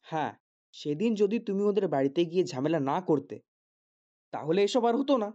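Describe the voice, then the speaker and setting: Young man doing a grieving teen son, pleading, mellow voice, dull lo-fi sound. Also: fairly high pitch, animated, normal speed, natural voice. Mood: accusing. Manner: pleading, choked with tears. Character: grieving teenage boy pleading with father. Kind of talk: film drama acting.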